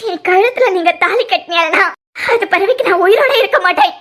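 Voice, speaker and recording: Someone voicing a squeaky, pleading young woman. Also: fairly quick, background noise. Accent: Kanyakumari Tamil. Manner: pleading, defiant. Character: frightened young woman, defiant bride-to-be. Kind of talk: cartoon series dubbing.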